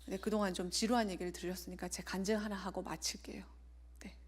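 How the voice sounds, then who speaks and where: A woman's voice: mid-range voice, steady tone, fast, breathy edge. A woman in her forties, an evangelist, preaching and sharing a personal testimony in an earnest way, often sinking to a near whisper.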